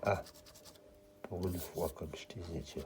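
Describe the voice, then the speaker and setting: A French scratch-card vlogger speaks in a low, unhurried voice, giving casual running commentary as he checks a card, muttering and half-whispering the letters. There is noise in the background.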